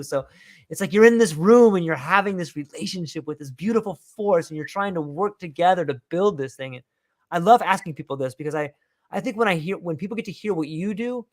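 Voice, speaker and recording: A man hosts a casual podcast conversation in a somewhat higher voice than most men. He muses and circles back on his thoughts, talking in a rambling, reflective way. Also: lively intonation, fast. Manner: meandering, reflective talker. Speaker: podcast host; father.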